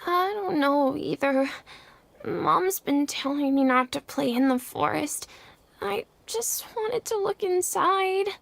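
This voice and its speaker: A woman's voice: high-pitched, expressive, takes it slowly, creaky, dry recording, full character voice. A woman voicing a sickly, naive little child in a video game, with a childlike, plaintive and hesitant delivery. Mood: meek, confused. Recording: game audio with background music.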